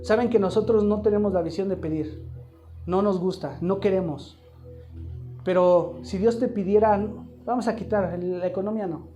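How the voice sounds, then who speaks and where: A man's voice: high-pitched, moderate pace, mellow, faint music behind. A man preaching a live sermon to a congregation, emphatic and throwing repeated questions at the room. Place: church hall, live congregation.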